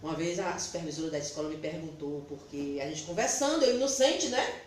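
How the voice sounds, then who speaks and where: A middle-aged woman pastor, preaching an animated, emphatic sermon and laughing at her own remarks. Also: low-pitched, brisk, a little hiss or hum. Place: church hall. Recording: echoey hall, distant mic.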